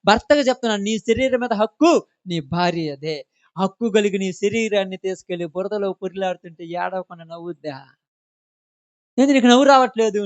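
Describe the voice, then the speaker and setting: A man's voice: high voice, dry recording, muffled recording. A man preaching a sermon, scolding the congregation with impassioned rhetorical questions. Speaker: pastor.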